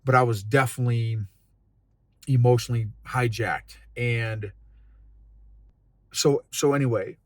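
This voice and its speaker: A man's voice: medium pitch, fairly even intonation, a little slow, long pauses, no room sound. A middle-aged man hosting a solo podcast, telling a personal story in a candid, rambling way with many restarts. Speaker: podcast host and coach. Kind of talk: casual solo podcast monologue.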